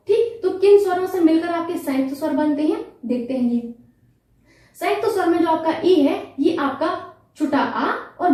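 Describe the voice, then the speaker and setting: A woman's voice: high-pitched, mellow, distant mic. A woman teaching a Hindi grammar lesson for exam preparation. She asks her students questions and answers them herself, patiently repeating the key terms. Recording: echoey room, voice away from the mic.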